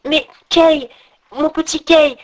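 A woman's voice: high voice, steady tone, slow, a little mellow, pitched above the performer's own voice. A woman voicing an eager little girl in a storybook reading, earnest and pleading. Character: eager little girl searching for her friend.

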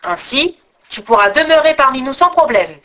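A woman's voice: high voice, big pitch swings, moderate pace, pushed and bright, voice pushed up, exaggerated voice, poor audio. A woman voicing a gluttonous, cruel male troll king in a storybook reading, speaking with solemn gloating.

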